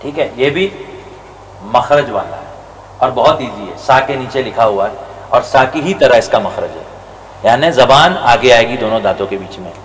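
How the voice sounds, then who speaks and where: A male religious scholar giving a Quran recitation lesson, slowly drawing out each Arabic letter. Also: medium pitch, expressive. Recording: reverberant hall with faint noise.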